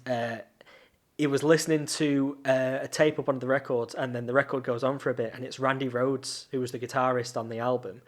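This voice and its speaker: A man co-hosting a podcast, telling stories in casual chat with lots of restarts and fillers. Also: medium pitch. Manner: rambling storyteller with many restarts. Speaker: podcast co-host.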